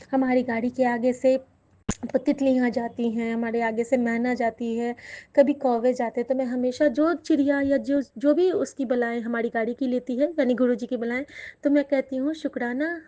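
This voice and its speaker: A woman's voice: fairly high pitch, warm tone. A woman sharing devotional experiences with her listeners in a chatty way, with thankful asides and frequent laughter. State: out of breath. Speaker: satsang storyteller. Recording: dull lo-fi recording.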